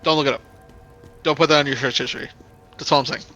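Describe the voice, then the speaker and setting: A young man with a bright, fairly high voice chats while gaming. He tells stories in a loose, animated style, swearing freely and breaking into laughter, talking into a desk mic on a voice call. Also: quick pace, highs cut off, soft background music. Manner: animated, profane, laughing storyteller. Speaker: let's play host. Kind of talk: casual storytelling while gaming.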